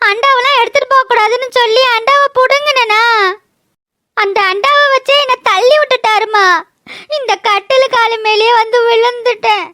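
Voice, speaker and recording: A woman voicing a tearful little village girl who talks in a soft, whimpering way, in a cartoon. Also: very high voice, no echo, studio quality. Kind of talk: cartoon voice acting.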